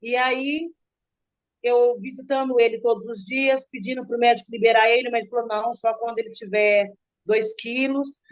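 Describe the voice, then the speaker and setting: Earnest middle-aged woman, halting speech. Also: fairly high pitch. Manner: halting, with restarts and repeated words. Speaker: interviewee. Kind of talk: emotional personal storytelling. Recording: dull, muffled recording.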